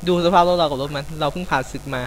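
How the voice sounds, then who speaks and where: A young man commentating casually on his own racing gameplay, with sudden excited outbursts, swearing and mock prayers. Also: a little high, rapid-fire, low-quality recording. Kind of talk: casual let's-play commentary.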